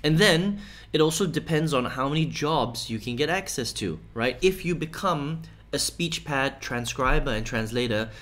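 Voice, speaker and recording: A man's voice: mid-range voice, normal speed. A man reviewing a freelance work site in a casual walkthrough, often ending his points with "right?" or "okay?", with a few fillers. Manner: casual, with frequent "right?" and "okay?" check-ins; steady explanatory delivery with some fillers. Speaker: online business reviewer. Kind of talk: screen-share review walkthrough.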